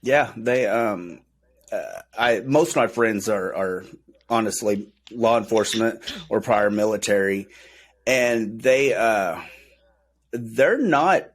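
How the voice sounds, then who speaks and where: Husky-voiced halting man in his forties. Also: on the low side. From Oklahoma. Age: 40s. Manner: halting, full of fillers and restarts. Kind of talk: casual political chat.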